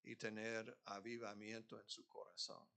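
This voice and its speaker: Slow, bright-voiced preaching man. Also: lowish voice, flat delivery, vocal fry. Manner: slow, earnest preaching with rising emphatic peaks. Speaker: pastor. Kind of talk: sermon. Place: church.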